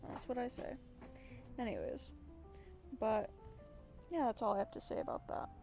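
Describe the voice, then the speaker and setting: With faint music behind her, an American woman who streams and does voice acting talks loosely about the craft, playful and self-correcting as she rambles. Her fairly high voice is expressive and warm, at a moderate pace.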